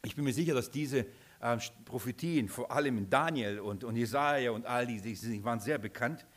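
A man's voice: medium pitch, normal speed. A man preaching a sermon, emphatic, repeating his points and asking the listeners questions.

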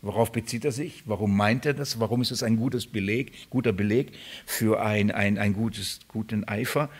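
A man with a fairly low voice delivers a sermon, talking straight to his listeners. He often stalls, repeats words and fills pauses with "ähm" as he works through his point. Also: steady tone, breathy edge. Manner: halting, repeats words, many fillers; addresses congregation directly. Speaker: preacher.

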